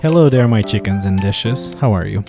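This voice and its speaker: A man's voice: on the low side, animated, normal speed, vocal fry, loud music behind the voice. A man from Portugal with a Portuguese accent, hosting a podcast interview with an upbeat, scripted welcome. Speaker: podcast host.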